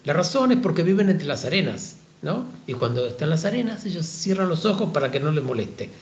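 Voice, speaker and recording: A man voicing an endlessly patient old male sage, speaking in a calm, fatherly way as he reads a story aloud. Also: on the high side, brisk, slight background noise. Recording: roomy, dull lo-fi sound.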